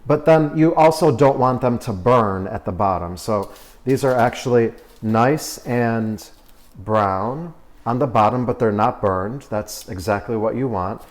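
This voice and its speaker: A man co-hosting a home cooking video, walking through baking steps in a relaxed, instructive way. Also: mid-range voice, unhurried. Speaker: cooking show co-host. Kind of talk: cooking demonstration.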